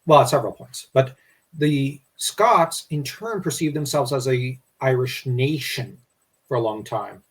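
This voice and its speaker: A man's voice: mid-range voice, a little slow, slightly rough. A man co-hosting a casual history discussion, rambling and restarting his sentences. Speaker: podcast co-host.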